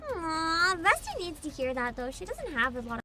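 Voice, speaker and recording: A woman livestreamer with a cute, bubbly, giggly anime-streamer manner, chatting and reacting excitedly and often repeating her phrases. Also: extremely high pitch, moderate pace, over loud music.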